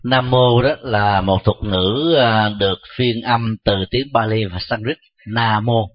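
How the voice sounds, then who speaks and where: A man, a Buddhist monk, giving a measured dharma talk and answering questions, pausing often with soft fillers. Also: fairly low pitch. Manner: slow, measured, frequent filler "à". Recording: dull lo-fi recording.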